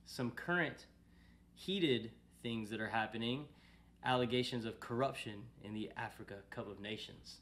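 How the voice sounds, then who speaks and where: A man's voice: mid-range voice, moderate pace, a bit bright. Upbeat joking man hosting a podcast. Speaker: podcast host.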